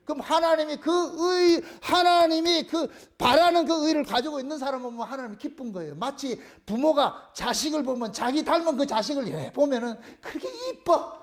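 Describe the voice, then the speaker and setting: A male pastor, preaching a lively sermon and acting out little voices. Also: extremely high pitch, moderate pace, few pauses. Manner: animated, acts out voices, asks the congregation questions.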